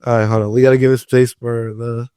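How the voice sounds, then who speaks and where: A man's voice: medium pitch, level tone, quick pace, mellow, clear, resonant tone, no echo. A young man co-hosting a casual podcast with loose, joking, slangy banter. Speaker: podcast co-host. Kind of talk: casual chat.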